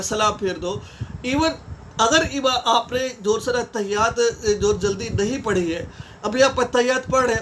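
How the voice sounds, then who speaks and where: High-voiced man teaching a religious lesson. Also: a bit bright, slight background noise. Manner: explains step by step, often checking "theek hai?"; recites Arabic prayer phrases slowly mid-explanation.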